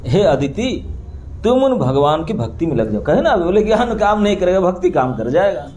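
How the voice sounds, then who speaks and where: A fairly high-voiced man preaching in a temple hall, his tone mellow and soft-edged. He tells the story in an animated way, acting out the characters' pleading, and laughs now and then. A faint hum of room noise sits behind him. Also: moderate pace. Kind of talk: scripture storytelling sermon. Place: temple hall before a seated audience.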